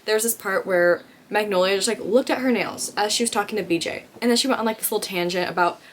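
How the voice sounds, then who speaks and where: A woman's voice: mid-range voice, fast, slight background noise. A young woman chatting casually in a reading vlog, full of "like" fillers. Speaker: vlogger. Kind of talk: casual chat.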